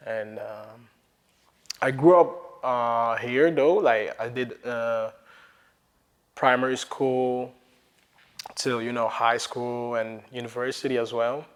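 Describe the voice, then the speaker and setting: A young man from Nigeria who grew up in Italy, talking casually as an interview guest, relaxed and rambling with lots of fillers. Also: medium pitch. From Nigeria, raised in Italy. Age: young adult. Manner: relaxed, rambling, many fillers and "you know". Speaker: interview guest, sneaker developer.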